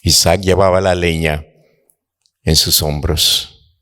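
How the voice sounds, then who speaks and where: A man preaching a sermon to his congregation, slow and dramatic, rising to impassioned outbursts. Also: low-pitched, steady tone, fairly bright tone. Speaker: apostle, preacher.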